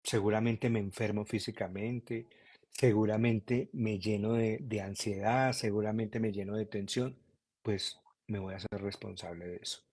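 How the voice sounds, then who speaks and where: A man talking calmly and earnestly as a podcast guest, searching for words as he goes. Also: lowish voice, moderate pace, slightly rough. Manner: calm, earnest, repeats himself while searching for words. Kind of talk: reflective conversation.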